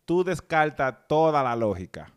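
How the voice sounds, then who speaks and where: A man's voice: on the high side, big pitch swings, unhurried, clean tone. A man with a Dominican accent chatting casually in a sports debate, slangy and dropping English words into his Spanish.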